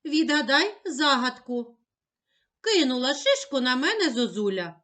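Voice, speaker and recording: Brief: middle-aged female teacher, fairly high voice, deliberate slow sing-song lesson for young kids. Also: sing-song. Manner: gentle, sing-song instructional tone, speaks to child as "you". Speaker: primary school teacher. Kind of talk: slow, clearly articulated literacy lesson for young children.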